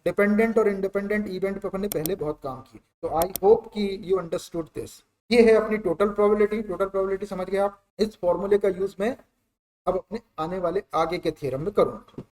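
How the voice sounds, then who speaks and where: High-voiced man teaching maths. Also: brisk, a little mellow, far from the mic. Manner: chatty, repetitive explaining with everyday examples. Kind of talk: classroom lecture.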